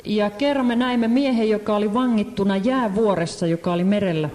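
Hesitant mellow-voiced interpreter in hall. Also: medium pitch. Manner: hesitant, many fillers and restarts. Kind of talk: live sermon interpreting. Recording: echoey hall.

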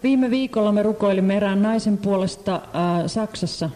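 An interpreter translates a sermon live in a hall full of echo, often hesitating, using many fillers and starting over. The voice has a warm tone and a mid-range pitch.

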